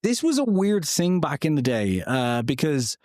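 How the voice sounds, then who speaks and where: A man's voice: a little high, big pitch swings, measured pace, a little mellow, no room sound. Rambling thirty-something man, dry sound. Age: 30s. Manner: rambling, lots of "like" and "uh" fillers, personal asides. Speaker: podcast host. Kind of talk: casual history narration.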